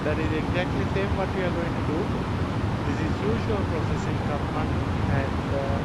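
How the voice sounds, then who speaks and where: A man giving a casual, halting explanation while aboard an airliner. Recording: dull, distant audio under loud aircraft rumble.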